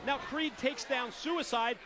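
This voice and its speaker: A man calling live wrestling play-by-play in an excited, emphatic commentary style. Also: very high-pitched, slow pace. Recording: loud crowd and music behind. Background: arena crowd and music.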